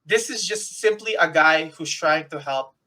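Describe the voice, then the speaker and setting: A man's voice: a little high, measured pace, pushed and bright. A man co-hosting a casual podcast, emphatic and insistent, often repeating himself. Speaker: podcast co-host.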